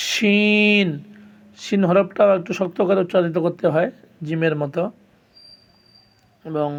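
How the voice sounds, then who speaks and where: A man's voice: fairly high pitch, darkish tone, lo-fi sound. A man teaching the Arabic letters as a Quran lesson, patiently sounding out each letter and repeating it for learners. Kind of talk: slow step-by-step pronunciation lesson.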